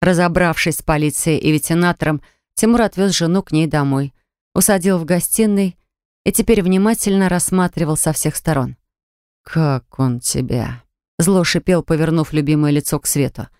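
A woman narrating a novel chapter in an even, measured storytelling manner. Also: on the low side, clear, resonant tone, dry recording, studio quality. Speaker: audiobook narrator. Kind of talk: scripted narration.

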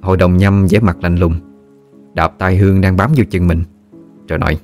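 A man narrating a scripted ghost story in a slow, measured way. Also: sits low, level tone, darkish tone, faint music behind.

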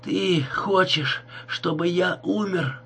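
A man reading an audiobook, voicing a stabbed young man who begs for help in a hoarse, choked voice with slow, gasping words. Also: high voice, fairly bright tone, pitched above the performer's own voice, full character voice. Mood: desperate.

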